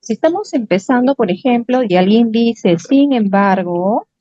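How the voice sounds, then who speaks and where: Peruvian woman lecturing, dark dry voice. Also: on the high side, lively intonation, moderate pace, no room sound, dull audio. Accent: Peruvian Spanish. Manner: patient, repeats "¿correcto?" and "¿ya?" to check understanding. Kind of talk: online academic writing lesson.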